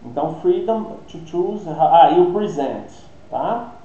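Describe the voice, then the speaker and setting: Slow and mellow, this man's fairly high voice has a lively intonation as he explains pronunciation in an online English lesson. His Brazilian Portuguese accent comes through, and he thinks aloud, leaning on plenty of tag questions. The recording is roomy and dull, lo-fi with faint hiss.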